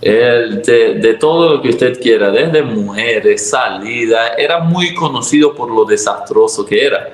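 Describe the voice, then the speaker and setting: A Venezuelan man, a pastor, recounts his own testimony in a conversational way. His Venezuelan Spanish accent shows, his voice sits at a middle pitch, and he acts out other people's lines with sudden leaps in pitch. The recording has a noticeable room echo. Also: measured pace, few pauses. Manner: lively storyteller who acts out dialogue with sudden jumps in pitch. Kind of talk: telling a personal testimony in a conversation. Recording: roomy echo.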